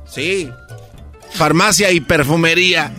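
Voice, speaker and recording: A man's voice: on the high side, takes it slowly, music in the background. A male comedy radio co-host who laughs, teases and tells jokes plainly. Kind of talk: joke telling on comedy radio.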